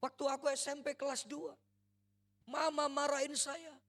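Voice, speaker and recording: A man's voice: a little high, measured pace, gravelly, husky, voice pushed up, exaggerated voice. A man acting out the voice of a hurt, furious young woman who pours out her anger. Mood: anguished, shouting. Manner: pleading and bursting out in anger.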